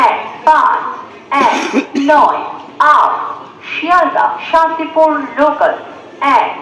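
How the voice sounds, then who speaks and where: A woman's automated train announcement played over a railway station loudspeaker, read in slow, evenly spaced, pieced-together words. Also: high-pitched, echoey room, poor audio. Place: railway platform, outdoors. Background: trains and station ambience.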